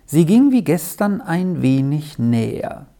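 A storyteller reading a children's story aloud in a slow, expressive way. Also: medium pitch.

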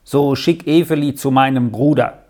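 A reader voicing a gruff, grumbling farmer father in a storybook, curt and dismissive. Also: medium pitch, moderate pace, darkish tone, close to an everyday voice. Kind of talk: storybook narration.

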